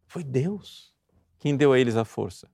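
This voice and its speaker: A man with a Brazilian Portuguese accent preaching fervently, pressing his listeners with rhetorical questions and reading quoted passages slowly and solemnly. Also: medium pitch, expressive, vocal fry, a little mellow, no echo, studio quality. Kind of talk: sermon explaining a spiritual classic.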